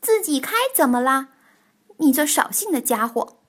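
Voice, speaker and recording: A woman's voice: high-pitched, big pitch swings, measured pace, voice pushed up, full character voice. A woman voicing a playful, teasing young male frog in a children's storybook, with a raised, bouncy voice. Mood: bickering. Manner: playful, teasing, sing-song.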